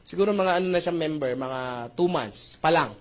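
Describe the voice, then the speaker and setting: A man's voice: fairly high pitch, moderate pace. A man presenting a marketing plan at a seminar, joking with the crowd, speaking politely and often checking that listeners agree. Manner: joking, keeps asking the audience "tama ba?"; polite, addresses the crowd with "po" and "mga brother, mga sister". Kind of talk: lively seminar presentation mixing Tagalog and English.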